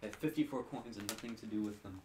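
A man's voice: lowish voice, fast talker, background noise. A young man playing a party video game with friends, sarcastic and swearing, making mock-dramatic complaints. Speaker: player in a gaming video. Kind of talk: casual banter while playing a party game.

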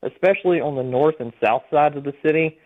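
A man's voice: on the high side, fast. A man giving a live eyewitness report as a storm chaser in a phone interview. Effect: phone line. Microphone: telephone. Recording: thin, narrow-band phone line.

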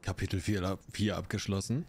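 A man's voice: sits low, steady tone, a little fast, darkish tone, breathy edge. A man in his thirties giving casual, crude and teasing commentary while playing a video game. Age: 30s. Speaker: let's player.

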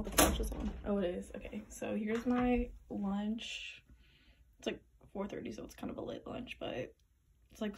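A woman's voice: medium pitch, creaky, darkish tone, a little hiss or hum. Chatty young college woman vlogging. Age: 20s. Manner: chatty, filler-heavy, upbeat. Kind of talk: casual vlog chat.

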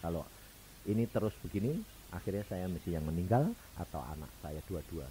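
A man's voice: low-pitched, animated, fairly quick, dark tone, a little hiss or hum, pitched below the performer's own voice, rough recording. A man voicing a worn-out young mother in labor. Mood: weak, pleading. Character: exhausted young mother in labor, weak and pleading.

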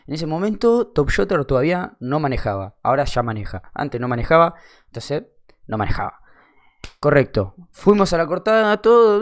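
A young man with an Argentine accent telling a funny anecdote in slangy, swearing casual talk. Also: on the high side. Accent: Argentine Rioplatense. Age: young adult. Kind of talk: casual storytelling.

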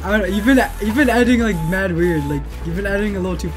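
Young hyped gamer bro over music. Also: male voice, high voice, very fast. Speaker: video game streamer. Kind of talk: casual gaming commentary. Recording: music and game gunfire behind. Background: background music, game gunfire.

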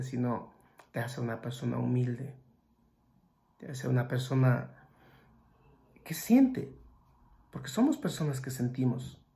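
A man preaching a sermon who swings between loud exclamations and hushed passages and asks his listeners direct questions. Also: medium pitch, gravelly.

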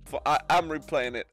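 High-voiced man laughing while he talks. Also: sharp tone. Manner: laughing while talking, giddy and breathless with amusement. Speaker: streamer reacting to clips. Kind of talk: casual reaction commentary. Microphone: close streaming mic.

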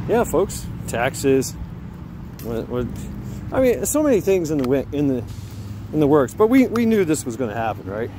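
This walk-and-talk vlog features a middle-aged American man with a medium-pitched, very animated voice. He speaks haltingly and interrupts himself to talk to his dog while walking a neighborhood sidewalk, holding his phone at arm's length as outdoor traffic and street noise pass.

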